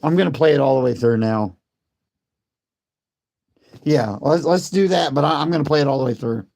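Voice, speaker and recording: A hoarse man who has lost his voice, coughing and talking defensively in casual chat, repeating his points. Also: on the high side, normal speed, darkish tone. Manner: repetitive, defensive.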